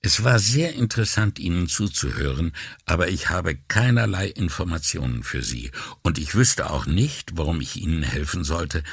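A man reading an audiobook voices a calm, politely ironic and skeptical male police commissioner. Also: sits low, moderate pace, vocal fry, slightly rough, no room sound, studio quality, heavily acted. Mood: dry. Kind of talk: audiobook character voice.

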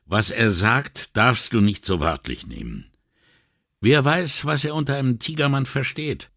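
A man voicing a calm, thoughtful middle-aged male police commissioner in an audiobook, measured and reasoning. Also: medium pitch, creaky, no room sound, clean studio sound, pitched above the performer's own voice, exaggerated voice. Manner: measured and reasoning, gently wry. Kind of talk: audiobook character reading.

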